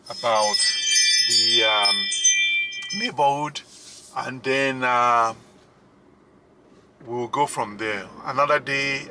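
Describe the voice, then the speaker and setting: A man giving a casual, unscripted tour commentary from inside a moving car, speaking haltingly with frequent pauses. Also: mid-range voice, bright, forceful tone. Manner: halting, hesitant, pausing often. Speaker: vlogger, driving tour host. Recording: road and car noise. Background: faint vehicle noise.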